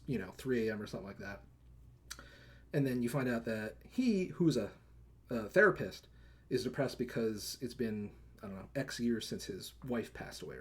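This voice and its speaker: A man's voice: medium pitch, darkish tone. A man co-hosting a live movie podcast, recapping plots in rambling casual chat full of "like" and "right?", acting out characters' lines. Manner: rambling, filler-heavy, lots of "like" and "right?"; acts out characters' lines in quotes. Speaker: podcast co-host.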